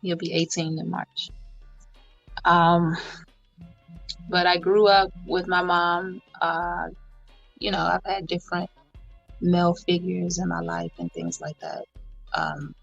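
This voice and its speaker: A woman in her thirties from Houston, a podcast guest speaking in a measured, thoughtful way with many fillers. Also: on the low side, expressive, vocal fry, soft background music. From Houston, Texas, US. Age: 30s. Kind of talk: casual podcast interview. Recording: dull lo-fi recording.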